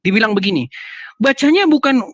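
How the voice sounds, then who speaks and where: A man's voice: very high voice, very animated, a little fast, a bit bright, no room sound. Insistent man pressing a debate challenge. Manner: insistent, repeats his challenge. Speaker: debate host. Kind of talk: heated online debate.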